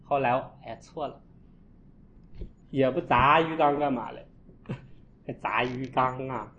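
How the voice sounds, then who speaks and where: A man, a Buddhist monk, giving a storytelling dharma talk and acting out his own scolding with sharp jumps in voice. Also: mid-range voice, slow pace, a little hiss or hum. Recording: echoey, dull lo-fi room.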